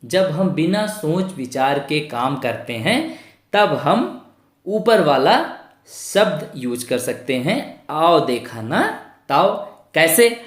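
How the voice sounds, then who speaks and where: A woman's voice: low-pitched, very animated, takes it slowly, echoey room. A woman teaching a Hindi lesson to young children, spelling words out syllable by syllable and asking the class questions. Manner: repeats words for pupils to say along.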